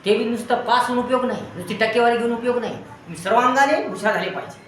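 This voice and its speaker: A man's voice: very high voice, fast talker, fairly bright tone, a little hiss or hum. Earnest male teacher in an echoey room. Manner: earnest, repetitive exhorting in long lists. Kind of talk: motivational talk to students. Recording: very echoey room with faint ambience.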